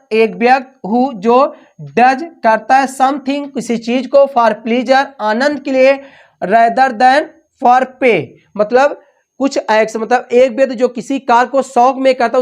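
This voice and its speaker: A woman with a slightly high voice runs an exam-prep English vocabulary lesson. She drills each word by call and response, asking again and again and then answering herself. She moves freely between Hindi and English. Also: a little mellow. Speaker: English teacher.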